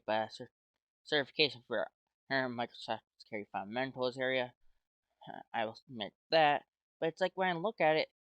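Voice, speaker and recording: A man's voice: medium pitch, fairly bright tone, no echo, muffled recording. An American man rambling hesitantly in casual commentary as a YouTuber, talking his way through his thoughts with lots of "well" and "like". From United States. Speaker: YouTuber playing a game.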